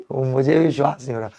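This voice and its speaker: A hoarse man teaching chemistry in a live online class, playful and coaxing as he works through problems with his students. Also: mid-range voice, dark tone. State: hoarse, strained throat.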